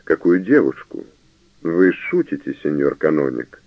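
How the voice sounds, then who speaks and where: A man voicing a cornered young male priest who talks with feigned calm and snaps back, on a narrow phone-like radio recording. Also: rumbling low, measured pace, creaky, breathy edge, no echo, full character voice. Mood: cold.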